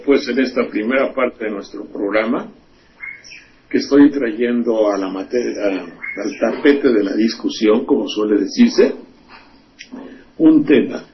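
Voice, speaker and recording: A man hosts a radio commentary, railing with scorn, profanity and pointed rhetorical questions. His voice sits mid-range and comes through a dull, lo-fi recording with a faint hiss in the background. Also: medium pitch. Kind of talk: indignant political commentary.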